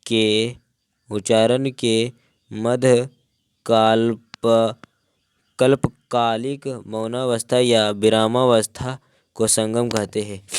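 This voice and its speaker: A man teaching grammar at a slow, deliberate pace, repeating each phrase so students can copy it down. His voice is smooth and clear, pitched a little low, and sits close and dry with no room around it. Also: a little mellow, dry recording. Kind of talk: grammar lesson.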